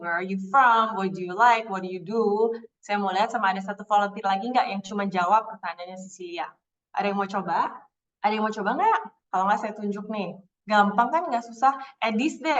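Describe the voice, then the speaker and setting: A woman teaching an English class in Indonesian, slowing down to model English phrases. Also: mid-range voice, distant mic, lo-fi sound.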